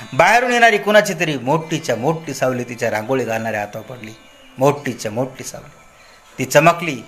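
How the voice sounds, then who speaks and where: A man narrating a devotional story in a dramatic way, moving between soft and raised delivery. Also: on the high side.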